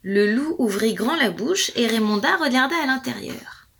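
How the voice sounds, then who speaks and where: A woman storyteller reading a fairy tale aloud, expressive and playful, with sound effects and hushed asides. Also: fairly high pitch, normal speed, gravelly, husky. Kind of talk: storytelling for children.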